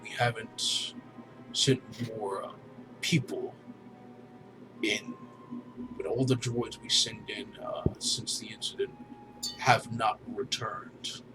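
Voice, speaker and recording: A man voicing a weary male alien mine overseer who speaks haltingly, with many pauses and restarts. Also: fairly low pitch, steady tone, rough recording. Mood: grave. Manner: hesitant, halting, full of pauses. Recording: music playing behind.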